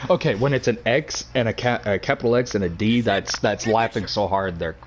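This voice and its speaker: A man's voice: on the low side, fairly quick, a little hiss or hum. A young man chatting and swearing casually while playing a video game. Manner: laid-back, swearing. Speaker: gamer. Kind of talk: casual gameplay chat.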